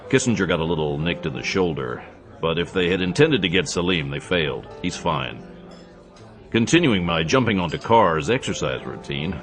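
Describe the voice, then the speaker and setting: An actor playing a tough, laconic action hero in an audio drama, with a dry, understated manner. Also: male voice, a bass voice.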